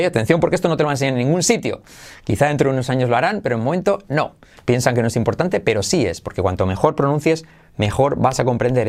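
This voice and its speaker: Man drilling English pronunciation. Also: medium pitch. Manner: switches between Spanish explanation and slow drilled English phrases. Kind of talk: podcast pronunciation lesson.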